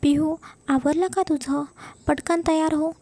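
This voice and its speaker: A woman's voice: sits high, a little slow, dark tone, pitched above the performer's own voice. A woman voicing a caring middle-aged mother in a read-aloud story, speaking affectionately with a scolding edge. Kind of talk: storybook narration.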